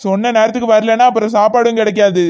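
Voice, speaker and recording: A man's voice: high voice, fast talker, dull audio, close to an everyday voice. A man voicing a mocking hotel owner in a cartoon, Kanyakumari Tamil accent. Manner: mocking, flat delivery.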